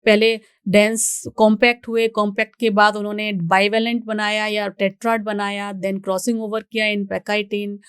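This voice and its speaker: A young woman with an Indian accent teaches biology in a recorded exam-prep lecture, going step by step, reading English lines out deliberately and slowly, and often checking in with "ठीक है". Her medium-pitched voice is clear and resonant but flat in delivery, captured in a dry, clean studio recording.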